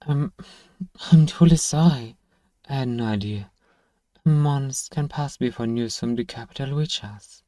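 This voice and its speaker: In a fantasy ASMR roleplay, a man voices a gruff apothecary with a medium-pitched, dark and mellow tone, murmuring unhurriedly to one listener. He's sardonic yet grudgingly kind, sighing and teasing dryly, with a sombre, apologetic mood. The recording is close and intimate, natural-sounding, with almost no room sound and no echo.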